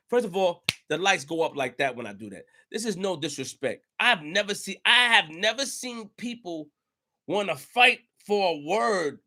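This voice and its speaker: A show host from New York is in the middle of a passionate commentary monologue. He speaks with a very high, piercing voice, repeating himself for emphasis and breaking into shouts.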